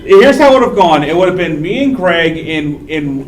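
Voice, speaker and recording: A man's voice: a little high, animated, normal speed, far from the mic, a little hiss or hum, low-quality recording. A young college man chatting casually, hesitant and full of restarts, making wry corrections. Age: young adult. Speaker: college student panelist. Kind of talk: casual chat.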